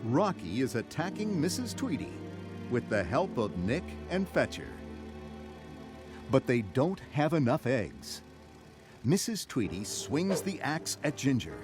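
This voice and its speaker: Music sounds clearly behind a man narrating a scripted children's read-along story. His pace is slow and measured, dramatic in style, with a highly expressive pitch range.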